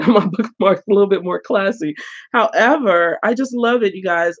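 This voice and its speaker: A woman's voice: on the low side, highs cut off. An older woman hosting a casual book live stream with a head cold, chatty and laughing often as she greets viewers. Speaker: booktube host.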